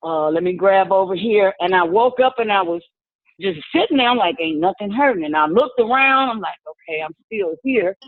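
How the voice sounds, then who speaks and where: A woman's voice: medium pitch, lively intonation, a little fast, no room sound. Older woman testifying over a phone line. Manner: chatty, storytelling, acts out quotes. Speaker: caller giving a testimony. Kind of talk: casual spoken testimony. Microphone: phone call into a video meeting. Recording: dry tinny phone line.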